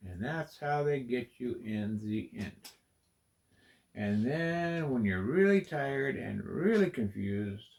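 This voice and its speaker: With a gravelly, darkish, medium-pitched voice, a man builds a model on camera for his vlog. He mutters counts of the pieces to himself and jokingly calls them rascals.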